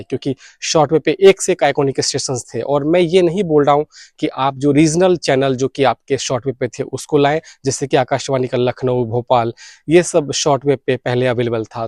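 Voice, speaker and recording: An Indian man who hosts YouTube videos and loves radio makes an earnest campaign appeal, speaking Hindi sprinkled with English words. His voice is medium-pitched and somewhat dark, at a normal pace, captured dry with studio quality.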